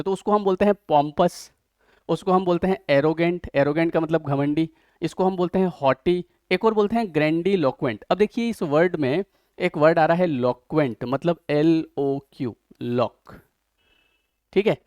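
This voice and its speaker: A man's voice: a little high, moderate pace, darkish tone, no echo. A man teaching a vocabulary lesson, often asking questions and explaining words through everyday examples.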